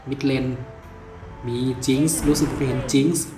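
A man with a slight cold giving excited voice-over commentary on his own gameplay, crying out in bursts and laughing often. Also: mid-range voice, normal speed, reverberant, faint music behind. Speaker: gamer and video creator.

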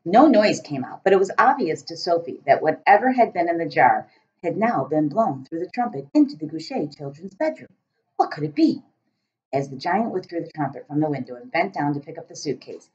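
A middle-aged teacher with a lowish voice reads a children's storybook aloud with deliberate, expressive phrasing. She records in a small room at home beside the kitchen, using a laptop webcam at arm's length that gives dull lo-fi sound.

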